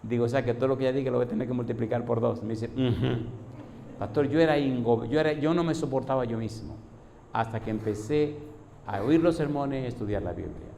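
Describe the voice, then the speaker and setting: A man's voice: medium pitch, brisk, vocal fry, warm tone, a little hiss or hum. A pastor preaching a sermon, telling stories and voicing the people in them, and quizzing his congregation with call-and-response questions. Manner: storytelling preacher, voices people in his anecdotes. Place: church hall. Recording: echoey hall.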